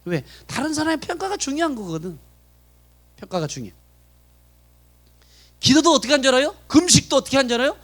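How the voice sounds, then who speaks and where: A man's voice: very high-pitched, very animated, fast talker, pauses often, a bit bright. A man preaching a sermon as pastor at a Friday prayer meeting in a church, often putting questions to the congregation. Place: church sanctuary.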